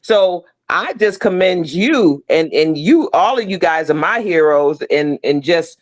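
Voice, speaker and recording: A middle-aged woman with a fairly low, expressive voice speaks unhurriedly as a guest in a video-call interview. She is effusive and emphatic, stressing her points in casual, heartfelt talk.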